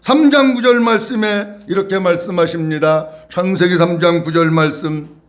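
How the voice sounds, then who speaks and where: A male pastor preaching a sermon in a church, asking the congregation to repeat after him and acting out questions in a slow, drawn-out voice. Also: sits high. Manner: acts out God's questions in a slow voice. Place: church sanctuary.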